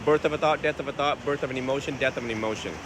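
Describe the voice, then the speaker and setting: A man from Vietnam, a Buddhist monk, answering viewers' questions in a relaxed, conversational way outdoors by the ocean, recorded on a phone. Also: medium pitch, rapid-fire. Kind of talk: casual outdoor Q&A talk. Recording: phone recording with wind and surf noise. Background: ocean waves and wind.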